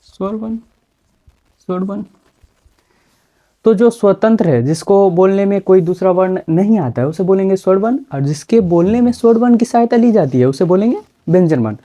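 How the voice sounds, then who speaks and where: A woman's voice: medium pitch, lively intonation, moderate pace, dark tone. A woman teaching a grammar lesson, explaining step by step and asking questions she then answers herself.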